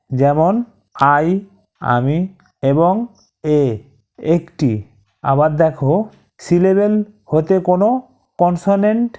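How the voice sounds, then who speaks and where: A woman teaching an English grammar lesson, speaking deliberately and drawing out example words syllable by syllable. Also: deep voice, dark tone.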